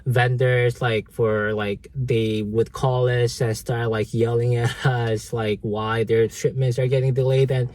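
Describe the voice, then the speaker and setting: A man's voice: mid-range voice, little pitch movement, a little slow, few pauses, a little mellow. A man casually telling a story from an old job to his viewers, full of fillers, restarts and "right?". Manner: rambling, many fillers and restarts. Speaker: vlogger.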